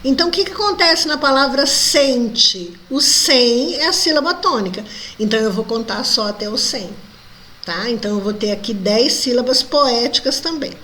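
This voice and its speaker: A woman's voice: fairly high pitch, expressive, moderate pace, sharp tone. A woman teacher with a Brazilian accent, walking students through a lesson and checking in with tag questions. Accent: Brazilian Portuguese. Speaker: Portuguese language teacher. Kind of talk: recorded online lesson.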